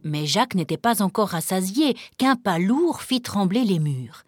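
A woman reading a fairy tale aloud with an expressive storytelling manner. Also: mid-range voice, normal speed, faint music behind.

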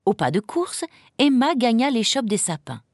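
A woman narrating a children's Christmas story aloud in an expressive, lively storybook reading. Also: on the high side, normal speed, loud music behind the voice. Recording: dry close recording.

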